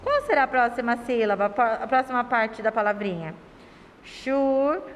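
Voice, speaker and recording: A woman teacher from Brazil giving a lesson to young children, slowly stretching syllables and asking them questions affectionately. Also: fairly high pitch, fairly even intonation, long reverb tail, a little hiss or hum. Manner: sing-song, stretches words and syllables slowly.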